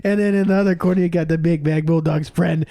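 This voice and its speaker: A man's voice: fairly high pitch, fairly even intonation, quick pace, dark tone, no echo. Tired man on a clipping, distorted mic. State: very tired, sleep-deprived. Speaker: podcast co-host. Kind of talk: casual podcast chat.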